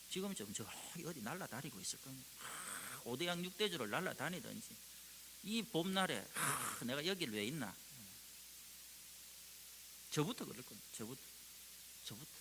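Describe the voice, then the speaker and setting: A male pastor, delivering a sermon and acting out prayers with sudden rises in pitch and volume. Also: sharp tone. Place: church sanctuary. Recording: long reverb with faint hiss.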